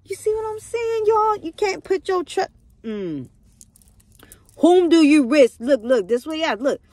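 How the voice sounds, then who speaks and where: A woman's voice: extremely high pitch, very animated, moderate pace, no room sound. Emphatic woman preaching over a Bible story. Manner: emphatic, preachy asides, keeps calling out to listeners. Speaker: vlogger retelling a Bible story. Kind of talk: casual Bible story reading with commentary.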